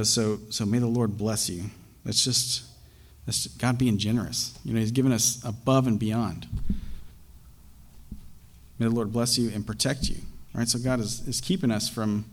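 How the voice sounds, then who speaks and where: A young man preaching a sermon, talking in a halting way with frequent fillers and restarts. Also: on the low side, steady tone.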